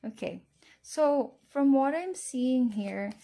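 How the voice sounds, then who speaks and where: A woman's voice: high-pitched, lively intonation, slow pace, warm tone. A woman giving a casual tarot reading, speaking to the listener as a fortune teller. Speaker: tarot card reader.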